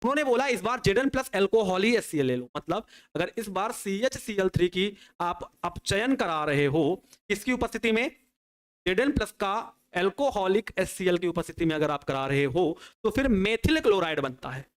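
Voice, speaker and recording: In an online exam-prep chemistry lecture, a man with a fairly high, expressive voice speaks at a moderate pace. He walks through each reaction step by step at a working pace, often asking a question and then answering it for the students.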